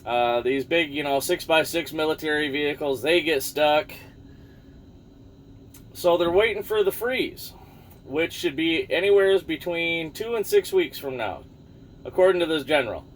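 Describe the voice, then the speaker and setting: A man's voice: a little high, a little slow, a little hiss or hum. A man rambling casually about the news to his viewers, losing his thread now and then and swearing offhand. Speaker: vlogger.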